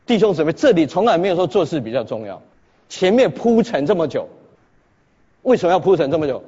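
Pastor guy preaching, kinda high husky voice, long echo from a big hall. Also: sing-song, a little fast, warm tone. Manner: emphatic, with rhetorical questions. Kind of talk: sermon. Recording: echoey hall, dull lo-fi sound.

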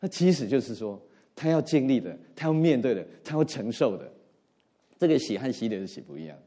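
A middle-aged man preaching a sermon in an earnest way, swinging between emphatic rises and soft drops and slipping in English words. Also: mid-range voice, sing-song, fairly quick. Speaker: pastor.

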